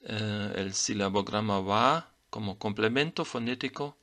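A man, German by first language, gives a patient lesson and reads out each sign with deliberate care. He talks at an unhurried pace, and his voice has a clear, bright edge. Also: fairly low pitch. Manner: slow, deliberate reading of glyph names. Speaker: teacher of Maya writing. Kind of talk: explanatory lesson.

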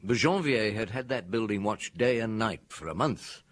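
Husky Inspector Maigret, shrewd. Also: male voice, lowish voice, expressive, normal speed. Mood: reflective. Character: seasoned male police inspector, measured and shrewd. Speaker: actor in a radio detective drama. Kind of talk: radio drama acting, dialogue and recollection.

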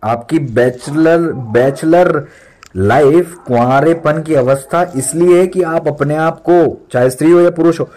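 Young guy preaching hard, repeats stuff for punch, slightly high voice. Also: unhurried, a little mellow. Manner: emphatic preaching, repeats lines for stress; mixes in English words. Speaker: pastor. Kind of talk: sermon.

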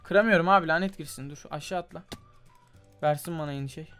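Young male gaming host, slightly high voice, loose muttering commentary over soft game music. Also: fast. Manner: chatty, mutters while trying, calls viewers "abi" and "gençler". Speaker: gaming YouTuber. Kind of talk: casual gameplay commentary.

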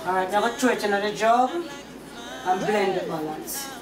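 A woman's voice: medium pitch, expressive, normal speed. A middle-aged woman with a Jamaican accent, chatting casually as she shows how she cooks at home. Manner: chatty, explains as she works. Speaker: home cook. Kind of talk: casual cooking demonstration. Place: home kitchen, indoors. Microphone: far camera. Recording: echoey kitchen, distant mic, loud music.

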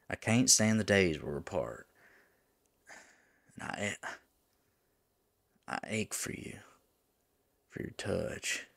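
In an intimate ASMR audio roleplay, a male voice actor plays a lovesick demon pleading with his angel lover. His deep, gravelly, husky voice is slightly bright and exaggerated, sounding yearning, tender and pleading, with folksy turns of phrase.

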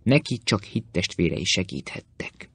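Man reading as a slippery, bowing Greek informer for an audiobook, lowish voice, dry close sound; humble words, boastful tone. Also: sing-song, creaky, fairly bright tone, slightly rough, no room sound, full character voice. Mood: fawning. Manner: obsequious and boastful. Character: sly, fawning male Greek philosopher-informer.

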